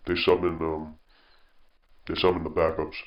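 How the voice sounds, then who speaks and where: A man with a very low voice chats casually on a podcast, cocky and needling, with the odd curse word. His voice carries a roomy echo. The sound is a bit dull and muffled. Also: monotone, moderate pace, a little hiss or hum. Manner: boastful, teasing, swears freely. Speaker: podcast co-host. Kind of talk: casual chat.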